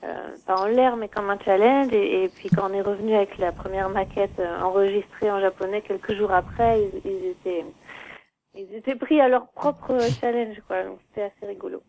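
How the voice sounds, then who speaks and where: A woman musician answering interview questions in a relaxed, friendly way. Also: mid-range voice, moderate pace, slight background noise, low-quality recording. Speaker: musician guest.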